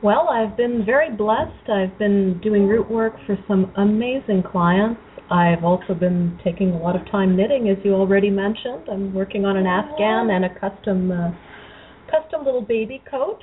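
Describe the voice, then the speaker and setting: A woman's voice: medium pitch, moderate pace. A polite woman calling in as a guest, her voice sounding metallic, as if she were in a small tin can. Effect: metallic tin-can sound, like a small metal room. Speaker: guest on a call-in show. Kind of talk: casual chat. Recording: tinny, noisy internet call line.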